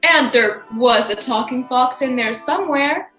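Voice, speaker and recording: A woman's voice: high-pitched, unhurried, bright, forceful tone, echoey room, faint music behind, rough recording. A young woman narrating a school fairy-tale play over video call in a theatrical, announcing way.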